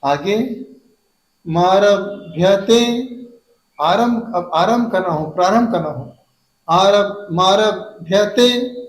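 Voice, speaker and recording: Monk teacher, high voice, unhurried, drawn-out verse syllables with quick asides, echoey room. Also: male voice, expressive. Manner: stretches verse syllables slowly, then explains in quick asides. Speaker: Jain monk teaching hymn recitation. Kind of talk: devotional recitation lesson.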